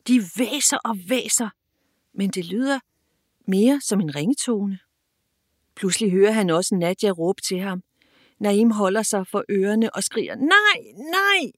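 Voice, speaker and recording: A woman narrating a children's audiobook in a clear, expressive storytelling manner. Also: medium pitch, no echo, clean studio sound.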